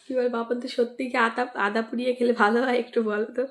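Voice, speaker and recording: Female live-stream host, croaky from a cold, slightly high pitch. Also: level tone, very fast. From West Bengal, India. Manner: greets and thanks commenters by name, asks for mentions. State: sore throat and cold, coughing. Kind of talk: casual live-stream chat with viewers.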